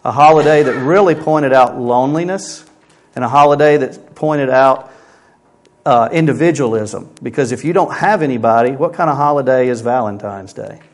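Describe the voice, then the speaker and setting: A man's voice: medium pitch, normal speed. A man preaching a sermon as pastor at a pulpit microphone, talking conversationally and asking his listeners rhetorical questions.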